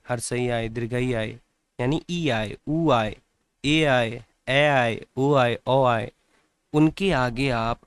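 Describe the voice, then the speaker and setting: A man's voice: medium pitch, clear, resonant tone, dry recording. A man teaching an English grammar lesson to children, repeating words and asking them questions.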